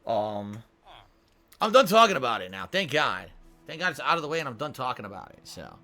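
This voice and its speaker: A man's voice: medium pitch, big pitch swings, brisk, bright, forceful tone, faint music behind. A man streaming a game, venting in frustration with heavy swearing and repeating himself as he reads out viewer tips. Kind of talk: casual live-stream chat.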